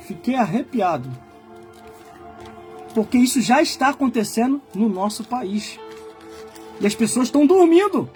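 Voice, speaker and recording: Fiery high-pitched Brazilian preacher. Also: male voice. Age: 40s. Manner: fiery preaching, shouting and exhorting. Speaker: pastor. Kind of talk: sermon.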